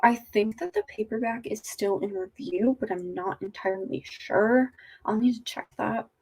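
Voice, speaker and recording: A woman's voice: on the high side, normal speed, a little mellow, slightly rough, low-quality recording. A woman casually chatting as a livestream host in a rambling way, her speech slightly off after having her wisdom teeth out.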